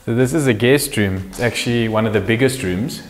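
A man's voice: medium pitch, brisk. A man, hosting a casual walkthrough of an empty old house and chuckling as he points things out. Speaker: house flipper and show host. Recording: echoey empty rooms, light music.

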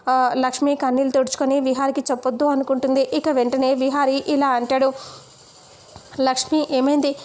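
A woman's voice: high voice, little pitch movement, fast, a little mellow. A woman casually retelling a TV serial episode, chatty and repetitive. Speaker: story narrator.

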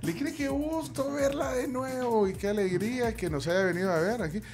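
A man hosting a radio interview, talking haltingly with many restarts in a studio. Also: extremely high pitch, over music. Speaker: radio host. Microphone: studio microphone with headphones.

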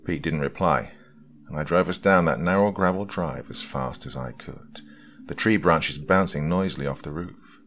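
A man narrating a scripted first-person horror story in a slow, hushed storytelling delivery, recorded close on a studio mic. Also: a bass voice, a little hiss or hum.

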